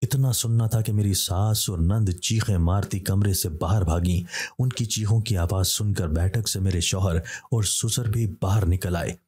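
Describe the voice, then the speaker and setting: A man with a low, husky voice reads a scripted horror story. His tone is dark and mellow, and he keeps a steady pace as he voices every character himself. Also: moderate pace, hardly any pauses.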